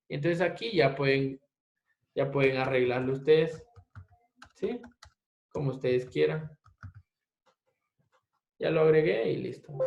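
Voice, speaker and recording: A man teaching a step-by-step software tutorial, often asking his class rhetorical questions. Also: a little high, vocal fry. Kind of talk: screen-recorded software tutorial. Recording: echoey room, dull lo-fi mic.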